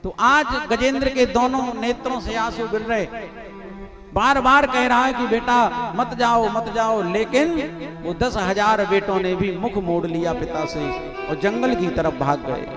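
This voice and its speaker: A man's voice: sits high, measured pace, music in the background. A man giving a musical scripture discourse as a religious storyteller, telling the story with feeling and singing verses. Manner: emotive storytelling with sung verses. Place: religious gathering stage.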